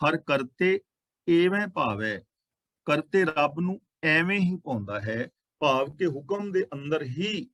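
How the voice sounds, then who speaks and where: A man gives a Sikh sermon, working through scripture one word at a time. His voice sits a little high, and he stops to correct how words should be pronounced. The recording is close and dry, with no room echo. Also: a bit bright. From Punjab. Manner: explains verses line by line, correcting pronunciation. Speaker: Sikh preacher. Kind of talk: scripture exposition.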